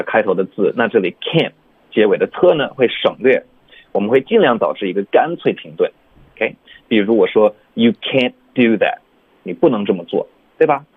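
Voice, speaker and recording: A man with a low, husky voice teaches English pronunciation on the radio, patiently sounding words out slowly. The recording is dry and narrow, like a phone line. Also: no room sound. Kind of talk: radio lesson chat.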